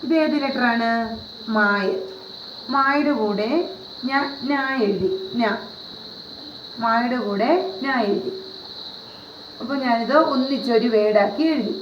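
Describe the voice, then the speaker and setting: A woman with a slightly high voice teaches a video lesson, patient and repetitive, often posing questions to her viewers. The recording is roomy and dull, with a faint hiss behind her. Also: slow, long pauses. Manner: patient, repeats and asks rhetorical questions. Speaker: Hindi teacher. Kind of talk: classroom-style video lesson.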